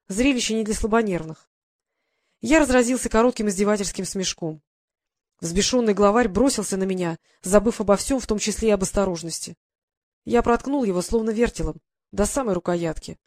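A woman narrating a first-person adventure novel in an even, measured storytelling manner. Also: mid-range voice, no echo, studio quality. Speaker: audiobook reader.

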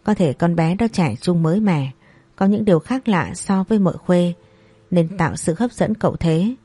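A woman voicing a calm, thoughtful middle-aged brother-in-law who gives measured advice. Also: fairly low pitch, husky, dry recording.

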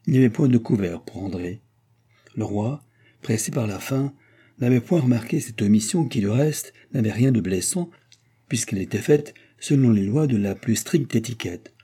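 A man reading a classic novel aloud as a narrator, with measured, even storytelling. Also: mid-range voice, breathy edge. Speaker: audiobook narrator. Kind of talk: scripted narration.

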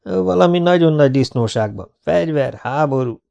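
A man voicing a laconic, tough adventurer in an audiobook, keeping close to his own dark voice. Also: on the high side, expressive, creaky, highs cut off, pitched above the performer's own voice. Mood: terse. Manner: terse, matter-of-fact.

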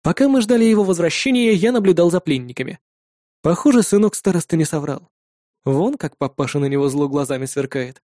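A man reading a first-person fantasy audiobook in a calm, measured way. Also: fairly high pitch, dry recording, studio quality. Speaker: audiobook narrator.

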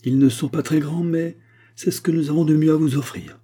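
Storybook villain: a man voicing a haughty male Russian major, husky and mellow, sneering and domineering. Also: mid-range voice, moderate pace, voice pushed up, close to an everyday voice. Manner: sarcastic, domineering.

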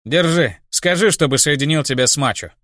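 A man reading an audiobook, voicing an easygoing male companion who speaks in a relaxed, low-key way. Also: brisk, no room sound, clean studio sound. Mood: calm.

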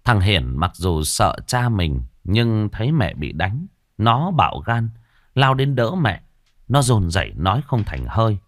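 Man narrating a dark story, dry close sound. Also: lowish voice, measured pace, dry recording. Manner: expressive, dramatic reading. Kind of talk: dramatic ghost-story narration.

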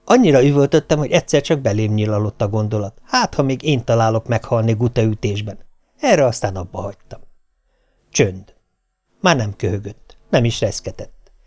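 Férfi hangoskönyv-felolvasó, élénk mesélés. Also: male voice, lowish voice, lively intonation, a little mellow. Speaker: audiobook narrator. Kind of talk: audiobook reading of a humorous novel.

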